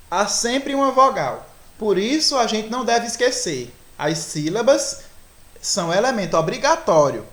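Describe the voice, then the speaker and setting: Brazilian Portuguese accent, teacher, recorded lesson, explains step by step, keeps asking if students follow. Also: mid-range voice. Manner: explains step by step, often asks "né?" and "tá certo?".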